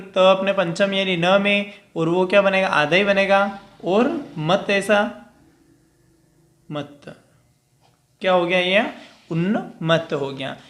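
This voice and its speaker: Echoey, slow-spoken male teacher. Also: sits high, fairly bright tone. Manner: explains step by step, asking and answering his own questions. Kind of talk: grammar lesson.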